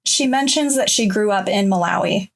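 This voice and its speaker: Woman narrator-interviewer, mid-range voice, steady measured reads. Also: medium pitch, gravelly.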